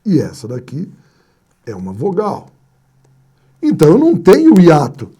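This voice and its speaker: Man, grammar teacher, animated pitch, dark husky voice. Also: normal speed. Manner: asks and answers his own questions, playful anecdotes. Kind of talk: classroom lecture on spelling rules.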